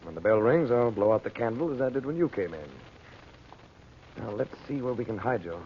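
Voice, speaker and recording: An actor playing a commanding, protective American magician in an old-time radio adventure serial, speaking briskly with authority. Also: male voice, mid-range voice, expressive, lightly acted. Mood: stern, concerned. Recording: dull, noisy old radio recording.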